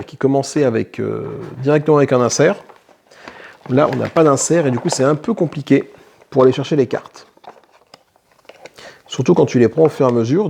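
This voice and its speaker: A man's voice: mid-range voice, vocal fry, a little mellow, slight background noise. A man hosting a tabletop game channel, casually explaining a solo playthrough and thinking aloud with small self-corrections. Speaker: board game channel host.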